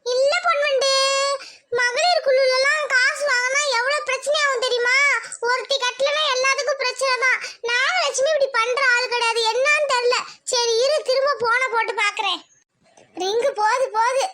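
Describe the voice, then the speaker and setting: A woman's voice: very high voice, steady tone, normal speed, pushed and bright. A woman voicing a bossy village woman who is an elder sister-in-law in a cartoon, talking in a scolding way. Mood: worried.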